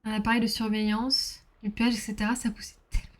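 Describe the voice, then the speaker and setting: A woman's voice: on the high side, level tone, quick pace. A woman streaming a game, chatting casually with her viewers, reading their messages aloud and bursting into exclamations.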